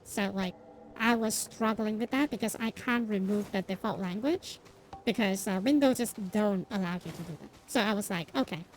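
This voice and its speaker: A woman streamer who isn't a native English speaker chats casually with viewers while gaming, rambling with plenty of fillers and restarts. Self-deprecating, she laughs at herself now and then. Her mid-range voice runs at normal speed on a low-quality recording with slight hiss or hum.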